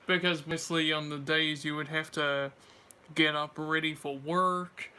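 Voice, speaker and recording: A man's voice: fairly high pitch, flat delivery, a little slow, sharp tone, clear, resonant tone. A man chatting casually with a friend about everyday things, in slangy, informal speech. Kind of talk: casual chat.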